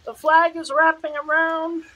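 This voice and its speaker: A very high-voiced woman delivers live storm-chasing commentary over faint weather noise. She is excitable and exclamatory, coming back to the same short phrases again and again. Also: unhurried. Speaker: storm chaser livestreaming. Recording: noisy outdoor recording with rain and wind.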